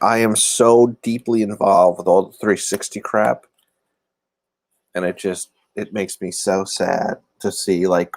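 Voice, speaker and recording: A low-voiced man hosts a casual livestream from an indoor room, rambling and self-deprecating as he talks to viewers. A phone or laptop camera mic gives a dry recording.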